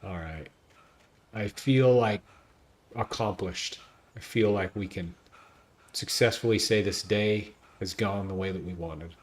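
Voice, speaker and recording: Brief: male streamer, lowish voice, excitable casual gameplay chatter, faint hiss. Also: a little slow, long pauses.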